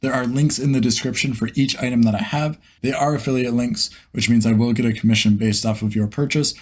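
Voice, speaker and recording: Talking to camera in a relaxed vlog, a beginner voice actor and host muses aloud informally, poking fun at himself. He speaks briskly at medium pitch with a steady tone.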